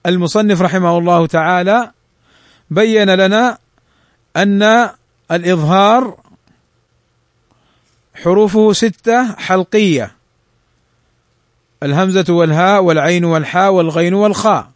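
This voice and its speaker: A man teaching the rules of Quran recitation. He reads the rules quickly and draws the examples out slowly. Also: high-pitched, no room sound, clean studio sound. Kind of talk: tajweed lesson explaining a text.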